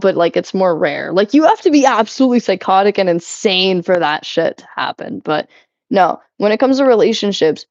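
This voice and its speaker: Here a young adult woman cleans on a live stream and chats freely with viewers, with frequent giggles and swearing. Her voice is mid-range and darkish. The audio is slightly muffled and dry, with no room sound.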